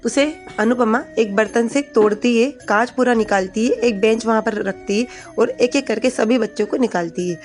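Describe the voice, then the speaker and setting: With a slightly high, somewhat mellow voice, a woman narrates the plot of a TV serial episode at normal speed and with few pauses while faint music plays behind her. Her recap is plain and casual, and she reads quoted dialogue without acting it out.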